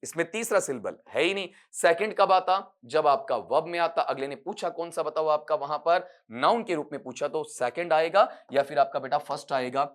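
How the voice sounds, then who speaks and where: A man teaching English phonetics for an exam. He explains step by step, addresses students fondly, and stretches words out slowly to show their sounds. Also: on the high side. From India. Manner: patient, explains step by step, calls students "beta". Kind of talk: exam-prep lecture.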